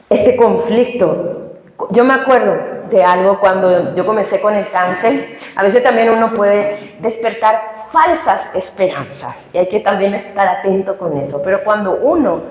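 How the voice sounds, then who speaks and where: Woman preacher from Paraguay, storytelling sermon, mid pitch, roomy lo-fi sound. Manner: animated storytelling with rhetorical questions. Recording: echoey room, dull lo-fi sound.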